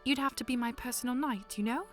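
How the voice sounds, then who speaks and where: A woman's voice: fairly high pitch, quick pace, natural voice. A woman playing a polite, earnest young princess with formal, articulate phrasing in a fan audio drama, music behind her. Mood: hesitant, polite.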